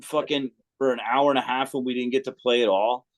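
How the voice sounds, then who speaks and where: A man's voice: mid-range voice, brisk. A man with a New Jersey accent, an interview guest telling stories casually, swearing a lot and acting out what people said. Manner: profane, animated storyteller acting out quotes. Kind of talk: casual storytelling.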